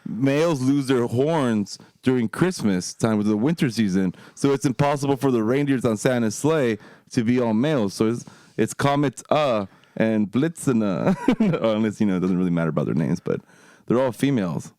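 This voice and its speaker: A man co-hosting a casual podcast, telling stories with lots of swearing and laughter. His pitch sits at an ordinary middle height. The sound is dry and close, with no room around it. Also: expressive, normal speed, mellow, no room sound. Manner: profane, laughing storyteller. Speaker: podcast co-host.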